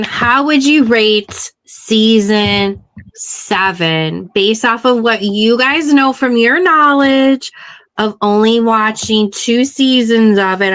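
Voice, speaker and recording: A woman's voice: on the high side, a bit bright. A woman hosting a casual chat show, chatty and leading the questions to her guests. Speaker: podcast host.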